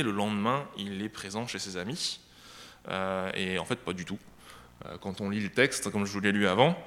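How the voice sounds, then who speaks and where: A man reading a Bible passage aloud, then explaining it in a conversational sermon that pauses to search for words. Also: fairly low pitch, a bit bright, long reverb tail. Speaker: preacher.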